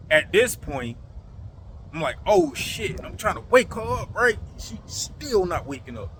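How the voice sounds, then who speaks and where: A man telling a personal story to his viewers in a casual, animated way, full of fillers and swearing, acting out the sounds. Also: high-pitched, a little slow, a little hiss or hum.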